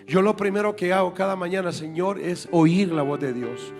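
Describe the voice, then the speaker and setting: High-voiced emphatic male preacher. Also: moderate pace, darkish tone, long reverb tail, faint music behind. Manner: emphatic, repeats key points for the congregation. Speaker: apostle and preacher. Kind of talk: sermon. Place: church sanctuary.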